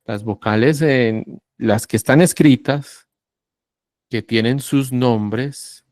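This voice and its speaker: A man teaches an online English lesson at a slow, unhurried pace. He explains patiently and spells out letters one at a time. His voice sounds dry and close, with no room echo. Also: mid-range voice, a little mellow.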